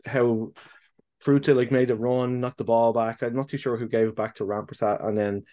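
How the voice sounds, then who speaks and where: A man with an ordinary mid-range voice co-hosts a relaxed podcast chat. He talks in halting bursts, restarting sentences and leaning on fillers, and swears casually. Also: medium pitch. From the UK and Ireland. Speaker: podcast co-host.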